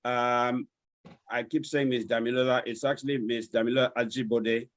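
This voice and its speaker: A man with a Nigerian accent moderating an online webinar over a video call, courteous and halting as he checks who has joined. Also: mid-range voice, little pitch movement, no room sound.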